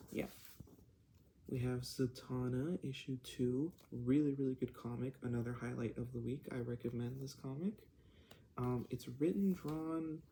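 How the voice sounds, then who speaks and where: A man giving casual vlog commentary in a hushed, half-whispered voice, keeping quiet at night. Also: medium pitch, slight background noise. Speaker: comic book vlogger.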